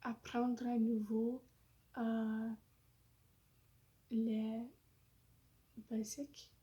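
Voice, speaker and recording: A woman's voice: fairly high pitch, monotone, extremely slow, mellow, lo-fi sound. A woman vlogging casually in French with an English-influenced accent, hesitant and full of fillers as she searches for words, apologizing for her speaking. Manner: apologetic, self-conscious. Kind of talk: casual vlog monologue.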